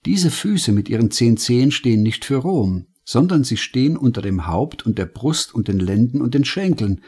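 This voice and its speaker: A man's voice: medium pitch, animated, normal speed, mellow, slightly rough. A man voicing an earnest young man musing. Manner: thoughtful, musing inner monologue.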